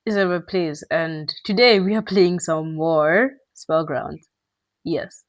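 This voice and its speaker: A male gaming channel host giving excitable, slangy live gameplay commentary with quick outbursts. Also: fairly high pitch, no echo.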